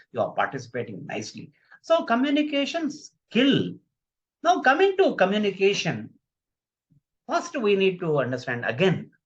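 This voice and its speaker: A man with a high-pitched, slightly bright voice gives a live online lecture on communication skills, heard through a dull lo-fi recording. He stresses key phrases, repeats himself, and asks his viewers questions.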